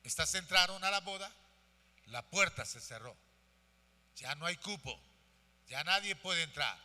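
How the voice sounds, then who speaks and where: A man's voice: a little high, expressive, a little slow, pushed and bright. Man, pastor, sermon, fervent, calls to congregation, church with long reverb. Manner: preaching with rising fervor and calls to the congregation. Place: church sanctuary.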